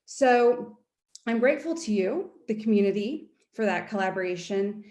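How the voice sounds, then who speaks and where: A woman's voice: mid-range voice, expressive, normal speed, a little mellow, reverberant. A woman from the United States with an American accent, a history professor giving an earnest speech at a community event, with frequent ums and restarts.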